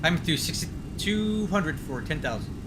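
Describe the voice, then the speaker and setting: A man's voice: on the high side, animated, measured pace, very noisy. A man speaking as a pilot into a cockpit headset mic, giving short procedural callouts and radio readbacks. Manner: clipped, procedural pilot phrasing. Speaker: flight sim pilot streamer.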